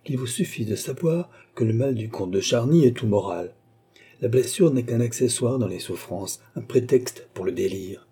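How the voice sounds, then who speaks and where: A man's voice: mid-range voice, expressive, moderate pace, warm tone, slightly rough. A man reading a blunt, inflexible court doctor. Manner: blunt, stern, unyielding. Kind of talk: audiobook character reading.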